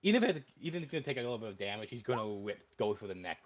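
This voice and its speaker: A man playing in a tabletop game over an online call, playful and quick to laugh. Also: mid-range voice, dull audio. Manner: playful, laughs a lot, animated. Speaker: player. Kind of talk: casual tabletop game chat.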